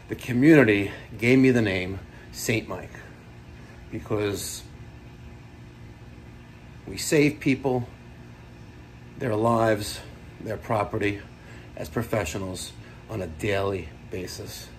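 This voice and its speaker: Plumber vlogger, man in his 40s, New York accent, hyped and animated, phone-filmed in a basement. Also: lowish voice, slow, long pauses, a little hiss or hum. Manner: animated, hyped, talks to viewers. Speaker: plumber and heating technician. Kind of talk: on-the-job vlog narration. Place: house basement boiler room. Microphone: phone camera at arm's length.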